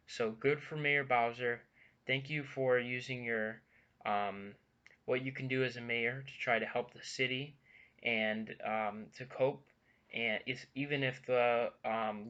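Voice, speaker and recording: Earnest young man with a bright, lo-fi voice. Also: mid-range voice. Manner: halting, many ums and restarts, earnest. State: a bit out of breath. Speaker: vlogger. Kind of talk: casual news commentary vlog.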